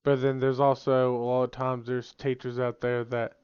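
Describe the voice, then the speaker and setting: A man's voice: mid-range voice, completely flat delivery, normal speed, smooth. A young man, co-hosting a podcast in casual chat. He rambles and often restarts his sentences. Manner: rambling, restarts sentences, shouts when quoting people. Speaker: podcast co-host. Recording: muffled lo-fi podcast audio.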